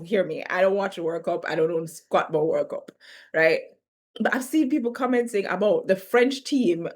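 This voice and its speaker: A woman from the Caribbean talking candidly to camera in a reflective vlog, animated and laughing between her thoughts. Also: mid-range voice. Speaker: vlogger.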